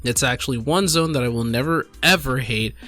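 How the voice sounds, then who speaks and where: A tipsy streamer and gaming video host rambles through casual reaction commentary, exclaiming and talking straight to his viewers. His mid-range voice is bright and forceful, moving fairly quickly over soft background music.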